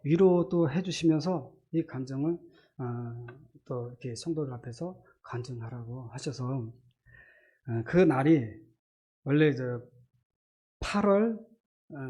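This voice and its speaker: A middle-aged man, a church deacon, gives an earnest, halting personal faith testimony during a church service, with many fillers. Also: mid-range voice, dark tone, breathy edge. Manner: earnest, halting, many fillers, acts out his inner voices.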